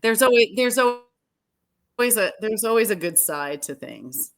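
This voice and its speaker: A woman co-hosting a sports fan show, chatting casually and animatedly through rapid-fire questions, sometimes trailing off mid-thought. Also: on the high side, very animated.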